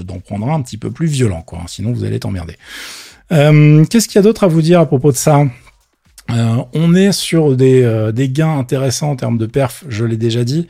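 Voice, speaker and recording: A man's voice: mid-range voice, gravelly, mellow, no echo. A man chatting casually about tech news, slangy and loose, with many fillers and a dry, thirsty mouth. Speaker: tech commentator.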